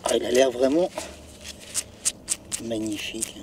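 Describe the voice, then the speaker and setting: A man's voice: mid-range voice, unhurried. A man hosting a casual outdoor vlog, chatting to the camera and a companion in an enthusiastic, chatty way. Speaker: host of a metal-detecting vlog. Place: outdoors in an open field. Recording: noisy outdoor field recording.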